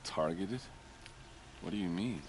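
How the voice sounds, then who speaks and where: Deep-voiced grieving guard captain. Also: male voice, unhurried, over music, low-quality recording. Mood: grave. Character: grieving, tipsy, bitter male guard captain.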